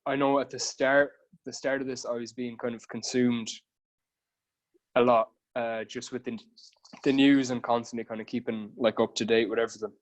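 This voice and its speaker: A man's voice: mid-range voice, flat delivery, moderate pace, rough recording. A man from Galway with a west of Ireland accent, explaining things informally as a guest personal trainer in a casual podcast interview.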